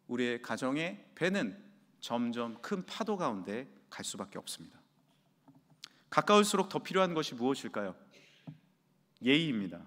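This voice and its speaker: A man delivers a sermon from the pulpit, telling stories with animation and slipping into the voices of the people he quotes. His voice sits fairly high and moves lively up and down. The sound rings with the long reverb of a large church sanctuary. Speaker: senior pastor.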